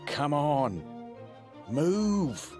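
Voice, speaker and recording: A woman's voice: low voice, sing-song, drawn-out words, over music. A woman reading out news articles on her own online channel, heard as a distant clip.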